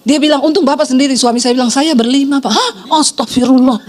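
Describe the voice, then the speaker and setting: A middle-aged woman pastor preaching a sermon, telling a story with lively shifts into the voices of the people she quotes. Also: high voice, racing.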